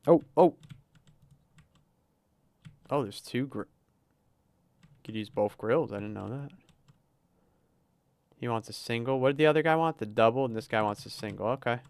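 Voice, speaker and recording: Chatty male streamer, smooth dry voice. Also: mid-range voice, moderate pace, pauses often, darkish tone, dry recording. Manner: chatty, narrates his moves, reads chat aloud, laughs easily. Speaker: livestreamer. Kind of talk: casual gameplay livestream commentary.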